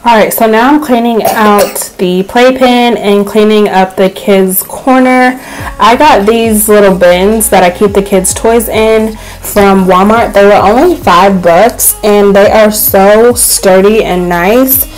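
A young woman casually narrating her home cleaning vlog in a relaxed, chatty way, with frequent filler words. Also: medium pitch, slow pace, rough recording. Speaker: cleaning vlogger. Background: faint background music.

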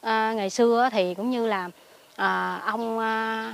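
A woman with a Southern Vietnamese Mekong Delta accent, a lay Buddhist recluse telling a story outdoors in a garden, swinging between hushed asides and excited outbursts. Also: a little high, measured pace, creaky. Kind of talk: casual spoken storytelling.

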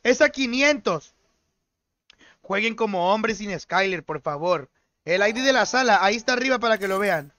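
A man's voice: sits high, lively intonation, moderate pace, a bit bright, lo-fi sound. A young Mexican man streaming a shooter game, joking and teasing his teammates in slangy banter. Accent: Mexican Spanish. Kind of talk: livestream gaming chat.

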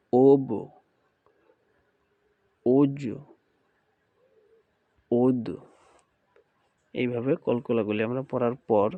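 In a slow, recorded Quran recitation lesson, a man with a Bangladeshi Bengali accent repeats drills and chants letter sounds in rhythm. His voice is mid-range. The recording has no echo but sounds dull.

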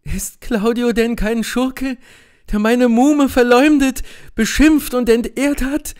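A man's voice: sits high, takes it slowly, a little mellow, pitched above the performer's own voice. A man voicing a passionate young noblewoman, fiery and grieving, in an audiobook reading with impassioned outbursts. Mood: indignant.

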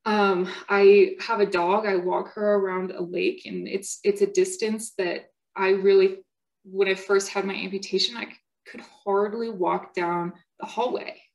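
A young woman tells her own story at a patient symposium. Her pitch sits in an ordinary middle range. She talks earnestly, pausing on fillers and restarting sentences as she goes. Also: steady tone, rough recording. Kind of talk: personal testimony talk.

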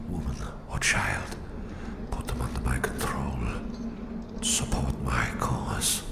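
In a slow, condescending ASMR roleplay, a man voices a menacing, domineering Soviet psychic supervillain with a Russian accent, fully in character. His extremely low voice is whispery and gravelly, smug and persuasive, with a roomy sound.

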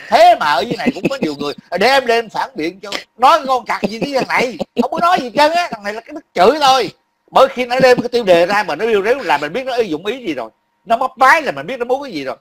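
Man, high-pitched voice, angry profane rant, repetitive, worn-out grumbling. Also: sing-song, racing, a bit bright. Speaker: livestream commentator. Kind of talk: heated political rant.

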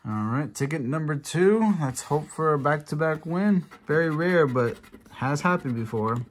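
A man's voice: fairly high pitch, normal speed. A man hosting a casual tabletop video, giving running commentary and calling out numbers in short, clipped phrases. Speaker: host of a scratch-off ticket video. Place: indoor tabletop in a room. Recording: steady scratching and clicking noise. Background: scratching of lottery tickets, clicks.

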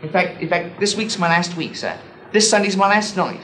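A man playing a shabby waterfront showman who pushes his pitch with stammering salesman patter in a comedy sketch. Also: moderate pace, bright, forceful tone, a little hiss or hum. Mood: self-righteous. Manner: persistent salesman patter, stammering, keeps saying sir.

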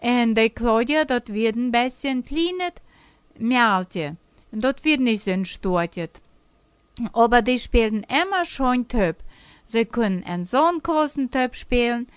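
An older woman telling a children's story slowly and gently. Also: a little high, animated, clear, resonant tone, no room sound. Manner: slow, gentle storytelling with dialect words.

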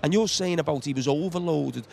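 A middle-aged man arguing a pointed, challenging case as a football pundit pitchside. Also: fairly quick, creaky, darkish tone, slight background noise. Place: outdoors pitchside at a stadium. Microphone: handheld mic.

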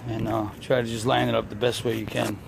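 A man's voice: on the low side, flat delivery, fast talker, vocal fry. A young man working as an HVAC technician, narrating his repair job in a blunt, profane, joking way while filming with a handheld phone on a building rooftop. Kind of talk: casual on-the-job vlog narration. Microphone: handheld phone camera. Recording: noisy rooftop with air-conditioning units. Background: air-conditioning hum and traffic.

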